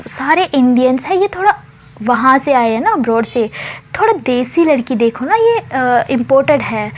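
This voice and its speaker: A quick, sharp-tongued young woman who needles and scolds her lovesick friend, voiced by a woman telling the story. Her voice is high-pitched and lively in its retorts. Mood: teasing.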